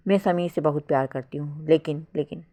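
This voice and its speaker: Brief: woman narrator voicing a heartbroken young woman in a spoken story, pleading through tears, pitched low. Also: brisk, dark tone, close to an everyday voice. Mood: tearful. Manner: pleading, crying. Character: tearful young woman pining for lost love.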